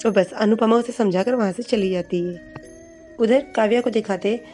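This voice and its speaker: A woman narrating a TV serial episode recap in a casual, unscripted way, with pauses and restarts. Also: medium pitch, faint music behind. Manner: retells scenes with filler pauses and restarts, reading dialogue flatly.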